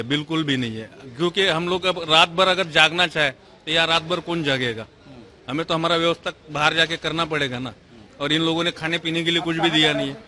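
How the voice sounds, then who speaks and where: Man, stranded passenger, aggrieved, detailed account, bright tone, on-the-spot news interview. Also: on the high side. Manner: aggrieved, detailed step-by-step complaint.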